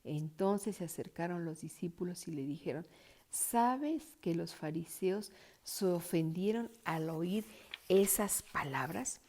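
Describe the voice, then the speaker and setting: A woman reads Bible passages aloud for her church, slowly and carefully, her soft voice often falling to a breathy near-whisper. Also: lowish voice, expressive. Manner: slow, careful reading with small slips and restarts. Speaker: church scripture reader.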